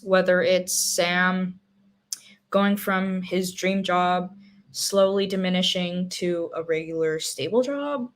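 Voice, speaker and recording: A woman's voice: mid-range voice, a bit bright. Chatty young woman musing over book questions. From Singapore. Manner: thinking aloud with many fillers and restarts. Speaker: book club host. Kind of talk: casual book discussion.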